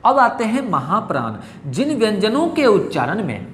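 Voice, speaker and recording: Lively male teacher in an echoey room. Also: high-pitched, moderate pace, a little hiss or hum. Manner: lively, repetitive, quizzes pupils with questions. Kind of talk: classroom grammar lesson. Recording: echoey room with long reverb.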